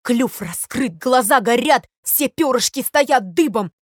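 A woman narrating a fairy tale in a calm, even storybook reading. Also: fairly high pitch, unhurried, no room sound, studio quality.

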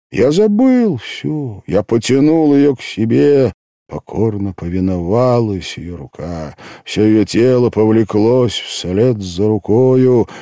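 Low, mellow male audiobook narrator. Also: dry recording, clean studio sound. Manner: expressive, emotional first-person reading. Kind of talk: literary audiobook reading.

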